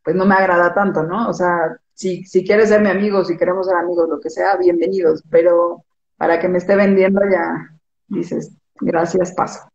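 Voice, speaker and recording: A woman's voice: on the low side, steady tone, moderate pace, echoey room, muffled recording. A woman with a Mexican accent, an image consultant chatting casually in an interview, explaining with everyday examples.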